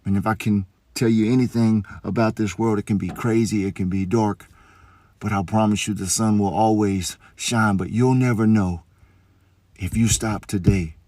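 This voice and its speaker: A man speaks earnestly and gently, his voice sitting a little low. He tells a heartfelt story straight to the listener, often dropping softer to quote others. The sound is close and dry, with no room around it. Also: fairly even intonation, moderate pace, no echo. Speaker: storyteller vlogger.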